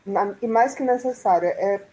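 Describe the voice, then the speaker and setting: A woman from Salvador, speaking as a guest on a video call in a halting, thoughtful way with many restarts. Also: mid-range voice, dark tone, breathy edge, low-quality recording. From Salvador, Brazil. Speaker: guest panelist. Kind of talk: casual live-stream discussion.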